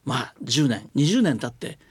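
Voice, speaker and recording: A man's voice: mid-range voice, big pitch swings, moderate pace, husky, no echo. An older man, a business leader guest on a radio interview, explaining his views earnestly at length with many fillers. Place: radio studio.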